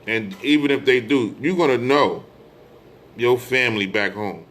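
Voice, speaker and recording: Speaking to followers online, this middle-aged American religious speaker uses a mid-range, somewhat bright voice and an unhurried pace. His informal monologue is emphatic, full of repetition and rhetorical questions, and there is slight background noise.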